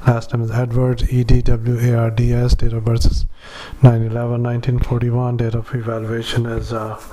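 A man, a doctor, dictating a clinical note into a dictaphone, halting often with fillers and spelling out words. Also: medium pitch, completely flat delivery, warm tone. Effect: dictaphone recording. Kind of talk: medical dictation.

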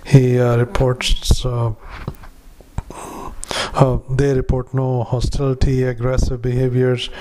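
A male clinician dictating clinical notes into a dictaphone recorder, halting with many filler sounds. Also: mid-range voice, monotone, dark tone, a little hiss or hum, rough recording. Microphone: handheld dictation recorder.

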